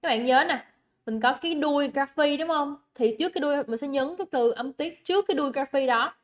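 A woman's voice: high-pitched, fast talker. A young woman teacher with a Vietnamese accent, leading a livestream English exam review in a chatty, coaxing way, repeating words and checking that students keep up.

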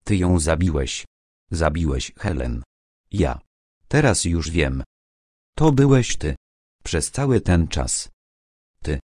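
A frightened young woman whispers her accusation, hushed and shaken, as a male narrator reads her lines. The reading stays deep and unhurried in a dry, close recording. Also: very animated, dry recording, exaggerated voice. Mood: terrified.

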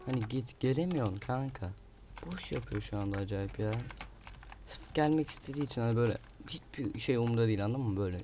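A man at mid pitch talks through his game as he plays it, muttering to himself and grumbling at an annoying opponent. Faint noise sits under his voice. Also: animated, fast talker, mellow. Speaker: gaming video creator. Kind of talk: live gameplay commentary. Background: keyboard clicks and typing.

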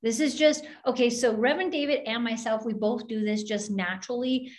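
A woman's voice: on the high side, brisk. A woman minister telling a story in an open forum, acting out the voices of the people in it. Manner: animated, acts out the voices in her story.

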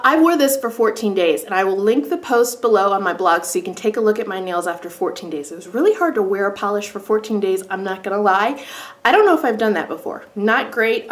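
A beauty vlogger in her thirties, congested with a cold, reviews a beauty product from a bright sunroom in her home. She talks casually at a medium pitch to a camera on a tripod facing her, animated and full of self-deprecating asides.

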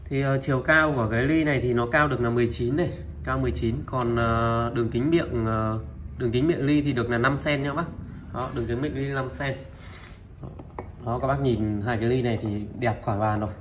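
A man presenting used Japanese goods for sale, item by item, in a steady and repetitive way. He talks to viewers familiarly and fills his pauses with filler sounds. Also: medium pitch, slight background noise. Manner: steady, repetitive, opens nearly every line with a pointing word. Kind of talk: product showcase sales talk.

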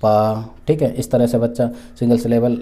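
A man's voice: mid-range voice, fairly even intonation, fairly quick, mellow. A man giving an exam-prep lecture, repeating each point with terms in two languages, with many fillers and restarts as he explains. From India. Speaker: teacher for exam preparation.

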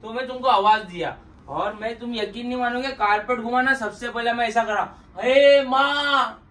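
A man's voice: very high-pitched, a little fast, pushed and bright. A man teasing his wife about a missing carpet, telling the story playfully in a casual home vlog. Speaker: vlogger pranking his wife.

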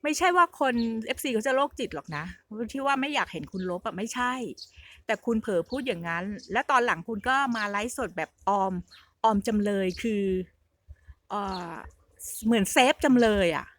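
A woman's voice: fairly high pitch, expressive, normal speed, a bit bright. A middle-aged woman vlogging in a casual, rambling storytelling style, often repeating herself as she talks.

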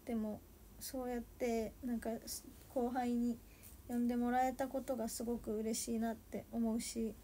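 A woman in her twenties chatting casually on a solo livestream, soft and a little sleepy, sometimes dropping to a murmur. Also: on the high side, flat delivery, normal speed, slight background noise. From Japan. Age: 20s. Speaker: idol livestreamer.

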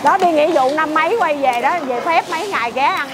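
Talking a little fast in a high-pitched voice, a middle-aged market stall owner with a Southern Vietnamese accent chats casually in an interview, naming her dishes in a row. The recording is very noisy.

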